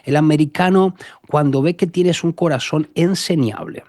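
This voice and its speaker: A man from Argentina with an Argentine accent, a guest telling animated stories in a conversational interview. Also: fairly high pitch, normal speed, dry recording, studio quality. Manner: animated storyteller, acts out quotes.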